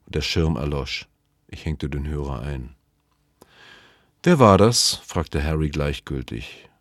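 A man reading a novel aloud in measured, sober, first-person storytelling. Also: a bass voice, steady tone, no echo, studio quality. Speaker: narrator.

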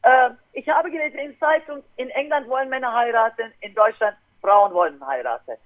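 A woman voicing her strict grandfather in his seventies, asking gentle, slow questions. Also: extremely high pitch, pitched above the performer's own voice. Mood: probing. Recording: tinny phone-like line.

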